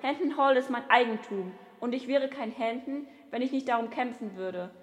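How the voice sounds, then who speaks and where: A woman's voice: on the high side, moderate pace, in a large hall, close to an everyday voice. A woman playing a proud, stubborn young nobleman who insists on who he is in an audio drama.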